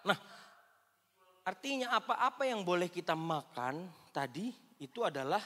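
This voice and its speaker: Woman pastor from Indonesia, animated joking sermon, crisp bright tone. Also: long reverb tail. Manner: lively, joking with the congregation, animated swings of pitch and volume. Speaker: preacher. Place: church hall.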